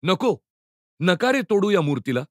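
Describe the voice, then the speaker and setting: Brief: gentle young prince, read by a male narrator, pleading and emotional, lively pitch. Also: normal speed, no echo, clean studio sound, natural voice.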